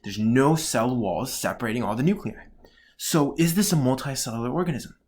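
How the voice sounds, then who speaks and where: A man giving an explanatory lesson as a tutor, working through a question aloud with deliberate emphasis and rephrased points. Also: medium pitch, darkish tone.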